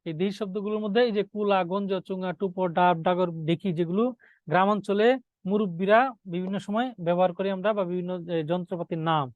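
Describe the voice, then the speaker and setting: A man with a fairly high voice gives an exam-prep grammar lecture to students. He repeats each key point as a question and answers it himself, slowing down to dictate notes. The recording is dry and close, with no room sound. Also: steady tone, dry recording, phone-quality sound. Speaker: teacher.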